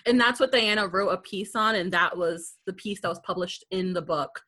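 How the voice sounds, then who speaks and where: A woman's voice: fairly low pitch, moderate pace, bright, forceful tone. A woman co-hosting a casual chat, upbeat and teasing. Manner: upbeat and teasing, laughs easily. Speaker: co-host.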